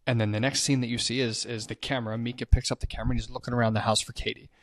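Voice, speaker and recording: A man's voice: medium pitch, flat delivery, racing. A man co-hosting a casual podcast, animatedly retelling a horror movie scene by scene, swearing often and acting out the characters' lines. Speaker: podcast co-host recapping a movie. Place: his house.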